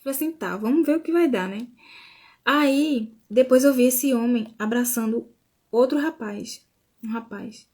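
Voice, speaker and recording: A woman's voice: fairly high pitch, measured pace, darkish tone, slightly rough. A woman from Brazil, sharing a faith testimony in a casual live stream and often saying "né?". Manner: informal, with frequent restarts and "né?".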